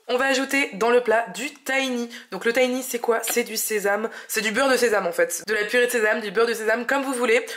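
A young woman with a fairly high voice talks through a recipe in her home kitchen. She sounds chatty and enthusiastic, explaining each step as she goes. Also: a bit bright. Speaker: cooking channel host. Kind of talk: casual cooking vlog narration.

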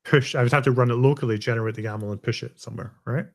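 A Scottish man hosts a live technical interview. He asks rambling questions and keeps checking with a quick "right?". His pitch sits in the middle for a man. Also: steady tone, vocal fry. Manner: chatty, thinks aloud with tags like "right?". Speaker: host.

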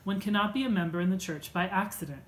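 A woman in her thirties at home, reading a church class lesson from her notes in a measured, earnest way with a few fillers. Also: medium pitch, rough recording. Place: home room with bookshelves.

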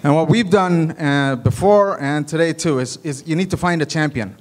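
A man's voice: a little high, moderate pace, a little mellow. A middle-aged man moderating a conference panel through a handheld mic, who makes his points emphatically and draws out some phrases. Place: large conference hall stage. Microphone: handheld microphone.

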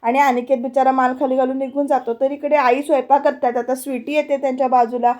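A woman's voice: high voice, flat delivery, quick pace, darkish tone, lo-fi sound. A woman retelling a TV serial episode in a chatty voice-over, often addressing the viewers. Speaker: serial review narrator.

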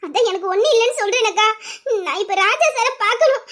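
A frantic, tearful young woman, voiced by a woman in an audio drama, pleading over and over in a very high, thin voice. She sounds insistent and close to crying. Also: animated, quick pace, fairly bright tone. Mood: tearful insistence. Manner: pleading, insistent, near tears. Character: young woman, frantic and tearful, desperate to see her love. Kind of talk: Tamil audio drama acting.

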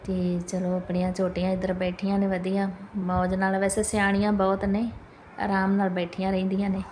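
A woman's voice: medium pitch, completely flat delivery, normal speed. A woman in her thirties with a Punjabi accent, narrating a casual home vlog in a chatty, homely way, addressing viewers with polite tags. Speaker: family vlogger, mother. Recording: clear background noise, home ambience.

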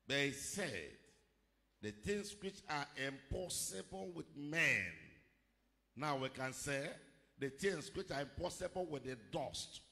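A middle-aged male pastor giving a measured sermon into a handheld microphone at a pulpit, rising to emphatic declarations. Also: mid-range voice, gravelly, pushed and bright. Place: large church hall, indoors. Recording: long hall reverb.

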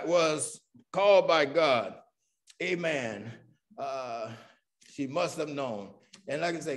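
A man's voice: on the high side, gravelly. A man leading a Sunday school Bible lesson, who keeps asking "what?" and answering himself, and says "amen" after nearly every point. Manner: chuckles now and then between points. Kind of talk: Bible study teaching.

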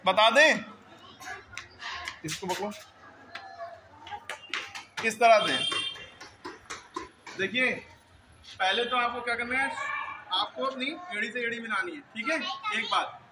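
A male school teacher with a very high, pushed, bright voice explains drill positions to his students step by step, often checking that they understand. The classroom instruction is a low-quality recording with slight background noise.

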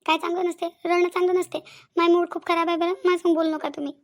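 A woman's voice: very high voice, flat delivery, quick pace. A woman voicing a young newlywed daughter-in-law in a cartoon who complains plaintively and repeats herself, with a Vidarbha Marathi accent. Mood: angry, upset. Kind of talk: cartoon voice acting.

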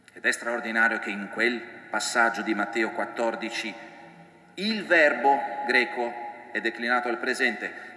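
A male priest delivers a reflective sermon, his voice bright and cutting. He gives the scripture he quotes a dramatic voice of its own. The sound rings through a roomy church with a long reverb tail. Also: mid-range voice.

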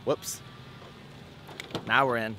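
A young man in his twenties vlogging casually to a handheld camera, relaxed and joking, in his car and a parking lot. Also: medium pitch, drawn-out words, a little hiss or hum. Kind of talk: casual vlog chat. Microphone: handheld camera at arm's length.

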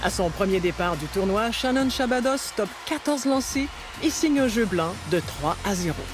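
A woman's voice: mid-range voice, expressive, moderate pace. A woman reading scripted narration for a sports documentary recap. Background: music bed.

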